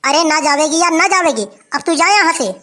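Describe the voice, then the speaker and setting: Performer playing village headman, dismissive, high and bright. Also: brisk, a little hiss or hum. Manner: dismissive, offhand. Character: lazy, dismissive middle-aged village headman.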